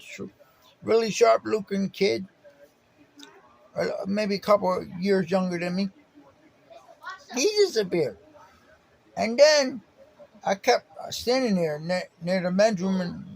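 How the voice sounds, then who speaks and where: A man telling a personal story in a halting, repetitive, indignant way. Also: high-pitched, creaky, low-quality recording. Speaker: vlogger recounting personal experience.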